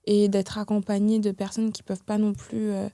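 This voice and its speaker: A young woman from France, a podcast guest talking in a reflective, hesitant way with many pauses and restarts. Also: medium pitch, completely flat delivery, warm tone, no echo, studio quality. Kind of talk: casual podcast conversation.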